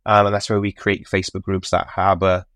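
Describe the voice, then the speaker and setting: A man's voice: sits low, monotone, a little fast, fairly bright tone, no room sound, studio quality. A man hosting a podcast, chatting casually and rambling with frequent fillers and restarts. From United Kingdom. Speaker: podcast host and cruise travel agent.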